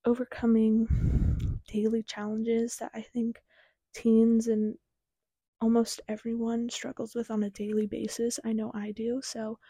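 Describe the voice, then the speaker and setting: A woman's voice: on the high side, warm tone, husky, dry recording. A teenage young woman with a slight lisp from wearing a retainer, hosting a podcast and introducing it in a casual, chatty way. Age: teens. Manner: informal, chatty. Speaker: podcast host.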